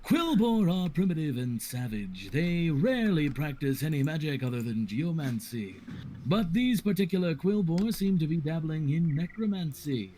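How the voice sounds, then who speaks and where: A man voicing a stern male quest-giver in a game with a low, gravelly, solemn delivery. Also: mellow, rough recording. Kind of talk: reading game dialogue aloud.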